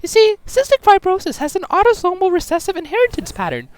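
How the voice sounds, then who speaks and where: A woman voicing a brisk, upbeat family doctor in a homemade animated drama, explaining in a bright, sing-song way. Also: very high voice, voice pushed up, heavily acted. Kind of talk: amateur machinima voice acting.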